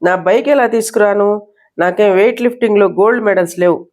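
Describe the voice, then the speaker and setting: A woman's voice: mid-range voice, brisk, lightly acted. A woman reading as a brash young man. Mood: sarcastic. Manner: argumentative, forceful.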